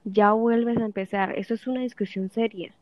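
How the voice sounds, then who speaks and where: A woman's voice: fairly high pitch, fairly even intonation, normal speed, dry recording, highs cut off, close to an everyday voice. A woman playing a jealous, bitter wife of fifty. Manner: accusing, relentless questioning. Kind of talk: audiobook dialogue reading.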